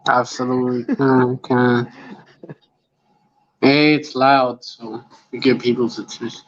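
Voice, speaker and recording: Slow-talking man in lo-fi casual chat. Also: mid-range voice, flat delivery. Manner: slow, drawling, swearing. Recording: dull lo-fi sound.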